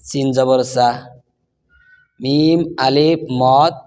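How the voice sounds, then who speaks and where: A man's voice: mid-range voice, fairly even intonation, very slow, a little mellow, clean tone. A man with a Bangladeshi Bengali accent, teaching Quran reading by spelling out each Arabic syllable and then chanting the joined word. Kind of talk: slow spelling-out recitation lesson.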